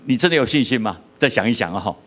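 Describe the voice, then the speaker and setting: A middle-aged pastor from Taiwan with a Taiwanese accent, preaching a sermon with humorous stories and questions to the congregation. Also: male voice, mid-range voice, lively intonation, rapid-fire, a bit bright.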